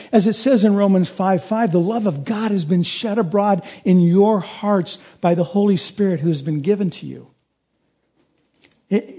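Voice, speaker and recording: A pastor preaches from the pulpit in a fairly high voice for a man, mellow and a little husky. His delivery is earnest, building to emphatic high points.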